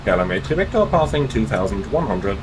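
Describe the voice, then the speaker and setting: A man who flies as an airline pilot, speaking into a cockpit headset, running through checklists and reading back radio calls in crisp aviation phrasing while he flies a simulator. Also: fairly low pitch, sing-song, quick pace, background noise.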